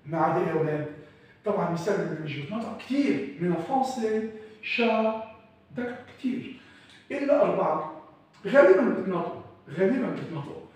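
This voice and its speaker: A man with a high voice and an Egyptian Arabic accent teaches a classroom lesson. He drills each word by saying it slowly twice and keeps asking the class questions. His voice comes from a distance and rings through a very echoey room. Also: expressive, a little mellow. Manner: drills words by repeating them slowly. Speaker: French teacher.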